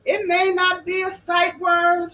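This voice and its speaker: A woman hosting a children's lesson, talking to the kids directly in an animated, sing-song way. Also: extremely high pitch, slow pace, slight background noise, rough recording. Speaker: children's show host and teacher.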